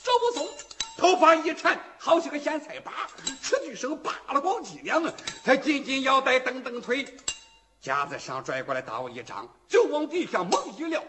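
Middle-aged man, traditional rhythmic storyteller; high, lively and bright, chanting rhymed verse with humorous asides. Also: moderate pace, noisy background.

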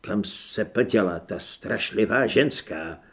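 A man voicing a tired, exasperated male opera manager who speaks low and dry. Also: animated, a bit bright. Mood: weary.

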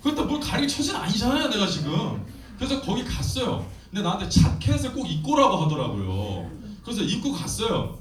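A man in his thirties, a missionary preacher telling his story in a sermon, acting out quotes with lively energy. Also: sits high, fairly quick. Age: 30s. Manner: animated storytelling with acted quotes. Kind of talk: sermon testimony. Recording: echoey hall, distant mic, faint noise.

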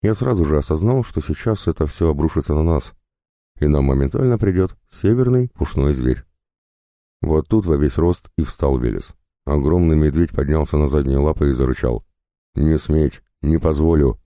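A man narrating a first-person fantasy audiobook, reading in an expressive, conversational way. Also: very deep voice, moderate pace, no room sound, clean studio sound.

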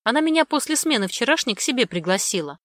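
A woman's voice: on the high side, big pitch swings, fast, a bit bright, dry recording, pitched above the performer's own voice. Young upbeat student daughter, woman reader's own voice lifted; eager, dry.

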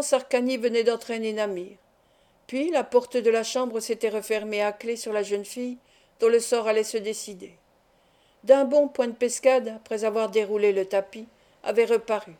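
A woman's voice: fairly high pitch, warm tone. A woman reading a classic adventure novel aloud as an audiobook narrator, lifting her voice for the quarrels in the dialogue. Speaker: audiobook reader. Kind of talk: scripted narration.

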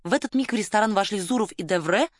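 A woman narrating an audiobook in an even, measured storytelling manner. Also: medium pitch, dry recording, clean studio sound. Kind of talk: scripted narration.

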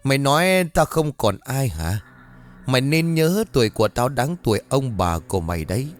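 A man's voice: medium pitch, big pitch swings, moderate pace, soft background music, natural voice. A man voicing a young man possessed by a vicious century-old female demon, speaking with a mocking, snarling cruelty in a horror audiobook. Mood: menacing.

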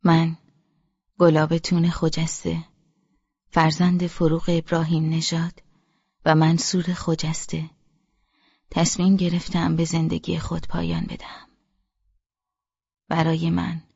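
Woman reading as a despairing young wife, flat, gravelly. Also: sits low, dry recording, lo-fi sound, exaggerated voice. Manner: flat, hushed, often whispered. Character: despairing young wife writing a farewell note.

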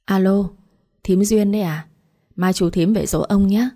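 Chatty middle-aged sister-in-law, brisk and friendly, warm husky low voice, read by a woman storyteller.

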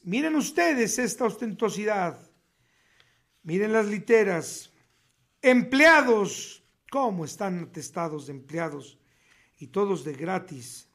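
A man preaching a sermon on the radio, reading scripture in a slow, emphatic, declamatory way. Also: very high voice, a bit bright. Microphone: radio studio mic.

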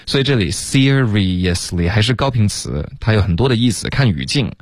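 Male radio English teacher, deep and animated, slows down to drill words. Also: no echo. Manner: explains pronunciation slowly, repeats English words.

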